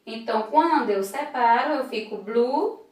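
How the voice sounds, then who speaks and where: A woman's voice: fairly high pitch, expressive, normal speed, a little mellow, far from the mic. A woman teacher, patiently explaining a lesson and sounding out syllables one at a time. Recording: echoey room, voice off-mic.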